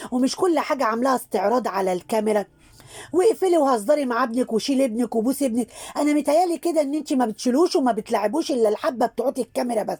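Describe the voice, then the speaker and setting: A woman with an Egyptian accent scolds and mocks in a satirical commentary. Her voice is high, dark and husky. She talks at a rapid, preachy clip. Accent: Egyptian Arabic. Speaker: social media commentator. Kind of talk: satirical commentary on social media figures.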